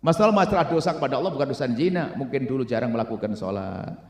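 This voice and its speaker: A male preacher giving a sermon that alternates between storytelling with hushed acted dialogue and emphatic exhortation. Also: medium pitch, fast talker. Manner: acts out a couple's dialogue in hushed voices, rising to emphatic exhortation. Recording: echoey hall recording.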